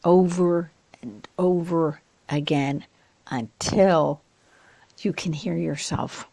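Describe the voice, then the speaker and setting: A woman teaching an online pronunciation lesson as an accent coach, in a slow, deliberate, encouraging way. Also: sits low, vocal fry, mellow, dry recording.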